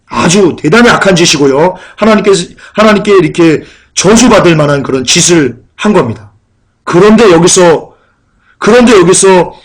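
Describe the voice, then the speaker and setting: Emphatic, combative male preacher. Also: high voice. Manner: emphatic, repeats key points; combative, denouncing. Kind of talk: sermon.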